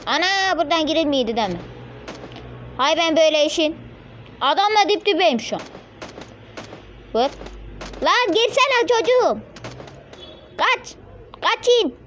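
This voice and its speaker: High-pitched excitable gaming streamer woman. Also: slight background noise. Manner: excitable, blurts out sudden high yelps and insults at opponents; chatty running self-talk to viewers. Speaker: mobile game streamer. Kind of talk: casual gameplay commentary.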